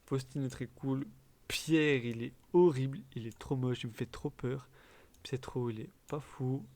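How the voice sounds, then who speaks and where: A young man chatting casually as a gaming video host, giving blunt quick verdicts with trailing fillers. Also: medium pitch, fairly even intonation, a little mellow. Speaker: gaming YouTuber. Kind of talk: casual commentary.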